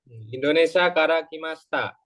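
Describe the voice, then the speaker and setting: A man's voice: fairly high pitch, a little fast, fairly bright tone. A young man tutoring an online class, explaining grammar patiently step by step and checking in with short tag questions. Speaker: Japanese tutor. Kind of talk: online Japanese lesson explained in Indonesian.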